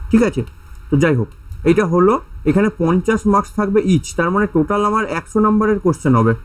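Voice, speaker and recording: A man's voice: high-pitched, rough recording. A man giving a casual exam-prep lesson over slides, chatty and repetitive, often checking in with his students. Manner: chatty, repeats points, checks in with listeners. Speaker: exam coaching teacher.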